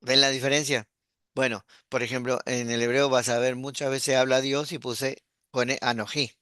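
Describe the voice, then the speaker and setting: A man, a pastor teaching an online class, explaining patiently and repeating words slowly. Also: mid-range voice, flat delivery, bright, forceful tone, dry recording, studio quality.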